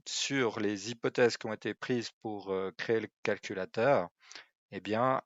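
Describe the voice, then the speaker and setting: Man, hesitant walkthrough, full of fillers, slightly low, muffled dry sound. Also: dry recording. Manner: hesitant, many fillers and restarts. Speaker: website presenter. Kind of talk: screen-recorded tool walkthrough.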